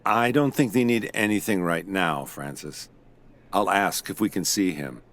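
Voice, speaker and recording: A deep-voiced male actor plays a calm, level-headed investigator who also narrates the audio drama. He delivers his lines in a measured way, sounding concerned.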